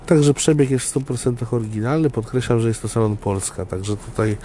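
Outdoors on a windy gravel lot, a man presents a used car in a casual walkaround, speaking directly to viewers like an upbeat, chatty salesman. His voice is medium-pitched, steady, brisk and warm. The camera audio picks up wind noise.

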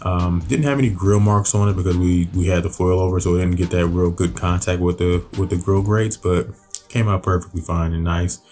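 A man in his thirties, host of a home cooking channel, narrating his grilling in a relaxed, loose way with lots of fillers and restarts. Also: sits low, a little fast. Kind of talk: casual voice-over narration.

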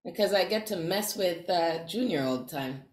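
A woman's voice: lowish voice, lively intonation, moderate pace, roomy sound, a little hiss or hum. A woman actor answering interview questions, thoughtful and searching for words.

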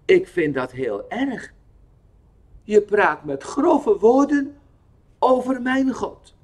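A man's voice: high voice, expressive, takes it slowly, darkish tone, voice pushed up, full character voice. A man voicing a nervous, earnest young boy who speaks up with a trembling voice in a children's storybook reading.

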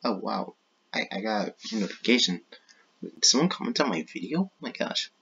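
Casual male gaming vlogger, slightly low and husky, self-interrupting, apologetic, muffled home-mic sound. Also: expressive, a little fast, a bit bright, slight background noise. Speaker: YouTube gaming channel host. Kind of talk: casual rambling commentary.

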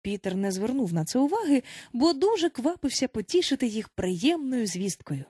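A woman narrating a children's storybook aloud with animated expression. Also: a little high, normal speed, husky, no echo, studio quality. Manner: animated, voices each child in turn. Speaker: audiobook narrator.

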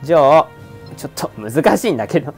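A man giving casual commentary over a game, excitable and joking as he talks back at the screen. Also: a little high, quick pace, husky, soft background music. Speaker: let's-play streamer.

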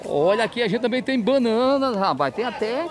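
High-pitched Northeastern Brazilian man, market-showman patter. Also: lively intonation, a little fast. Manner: chatty market-showman patter with repeated catchphrases. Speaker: host, market reporter. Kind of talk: lively street-market vlog commentary and interviews. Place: outdoor street market. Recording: busy outdoor market crowd noise.

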